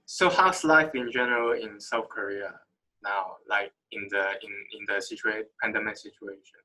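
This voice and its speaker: A male interview host with a bright, forward voice puts his questions casually. He restarts often and searches for words in halting phrases. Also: lowish voice, low-quality recording.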